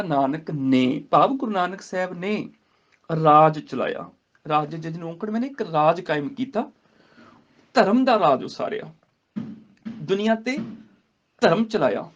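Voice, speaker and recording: A man teaching a scripture grammar class at a gurdwara, chanting verses slowly and then explaining them word by word. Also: sits high, expressive. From India. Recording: dull lo-fi recording.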